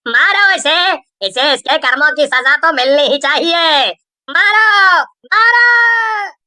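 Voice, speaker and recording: A woman voicing angry male villagers in a cartoon, shouting high. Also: expressive, takes it slowly, full character voice. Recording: roomy echo from a distance.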